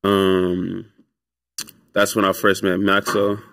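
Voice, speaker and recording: A young man with a lowish voice tells stories in an easygoing, rambling way, full of fillers and loose asides. He talks as a producer guest in a relaxed sit-down interview. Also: slow pace, gravelly, dry recording, clean studio sound. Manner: laid-back, rambling with many fillers. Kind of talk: casual storytelling interview.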